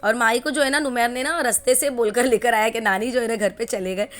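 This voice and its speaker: A woman's voice: fairly high pitch, steady tone, brisk. A woman in her forties talking casually through a family vlog at home, rambling with lots of fillers. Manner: chatty, rambling, many fillers. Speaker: family vlogger. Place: home kitchen.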